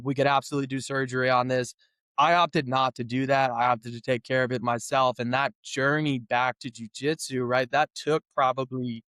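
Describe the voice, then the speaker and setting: A thirty-year-old man from New England, a physical therapist telling his story as a guest, relaxed and full of fillers and restarts. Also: medium pitch, clean tone, dry recording, studio quality. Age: 30s. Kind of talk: casual interview talk.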